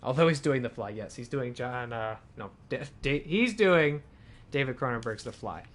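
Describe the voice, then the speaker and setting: A man's voice: medium pitch, lively intonation, normal speed. A man streaming a video game, chatting casually, thinking aloud and correcting himself, and reading in-game documents aloud. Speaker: gaming streamer. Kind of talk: live gameplay commentary and reading in-game files aloud.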